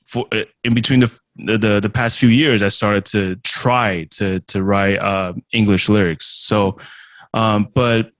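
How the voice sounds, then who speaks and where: A Taiwanese musician and streamer, a man whose first language is Chinese, answers questions in a casual interview, haltingly and with frequent restarts and fillers. His voice is fairly low with fairly even intonation, and there's no echo.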